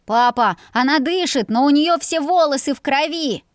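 Storybook child: excitable peasant boy, shrill and shouting, read by a woman. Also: normal speed, no room sound, studio quality. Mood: alarmed.

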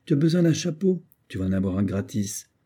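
A man voicing a witty, self-assured young poet who lectures his friend mockingly, in a dark, husky voice pitched up. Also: big pitch swings, a little fast. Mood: teasing.

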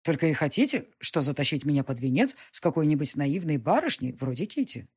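A woman reading the lines of a stubborn young nobleman arguing with his mother, in her own husky voice with a sullen, insistent manner. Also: deep voice, very animated, fairly quick, a little mellow, exaggerated voice.

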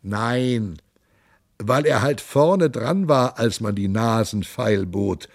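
A calm, matter-of-fact tutor , voiced by a male reader. Gravelly and slightly husky, with a measured, slightly raised delivery in a dry storybook recording. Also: mid-range voice, no room sound. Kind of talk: audiobook character voice.

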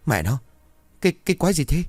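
A man playing a gruff old villager who grumbles and scolds in coarse, blunt speech. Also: on the low side, lively intonation, fairly quick, no room sound, soft background music, lightly acted. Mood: terrified. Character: grumpy old village man, easily startled.

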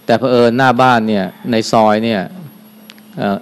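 An older man, a Buddhist monk, giving a dharma talk in a calm, unhurried way, softly ending his phrases with a gentle particle. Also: medium pitch, clear, resonant tone. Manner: calm, unhurried, adds a soft "na" at the end of phrases.

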